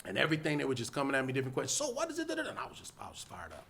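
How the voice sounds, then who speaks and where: A man with a Los Angeles accent, a podcast guest telling an animated story and acting out the quotes. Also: mid-range voice, racing, gravelly, breathy edge. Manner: lively, acts out quotes, loud and laughing at the peaks.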